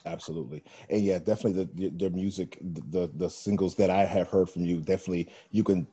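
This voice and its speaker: A male radio host running a casual interview, his voice very low and warmly mellow. He rambles, circling back through fillers and restarts before landing on his questions, with a husky grain throughout. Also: steady tone, fast talker, highs cut off.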